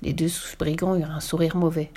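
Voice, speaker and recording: A woman reading a children's story aloud with lively, expressive storytelling. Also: sits low, fairly quick.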